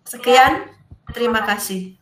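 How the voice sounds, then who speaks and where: A woman's voice: a little high, measured pace, crowd noise. A woman, a training participant, asks a formal, courteous question over choppy online call audio that keeps breaking up. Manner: formal and courteous, long greetings. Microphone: remote call microphone. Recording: distant, echoey call audio that cuts out.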